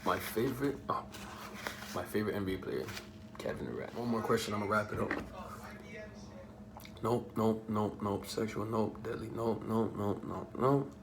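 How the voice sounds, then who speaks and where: Background noise accompanies a young man from the Bahamas with a fairly low, vocal-fry voice, speaking at normal speed with long pauses. In a laid-back vlog chat he answers viewer questions, joking and slinging slang.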